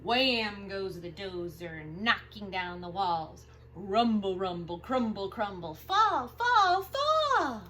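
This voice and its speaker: A woman reading aloud to young children as a storytime host, expressive and sing-song, drawing out the sound words. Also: mid-range voice, slow pace, hardly any pauses. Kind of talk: animated picture-book read-aloud for young children.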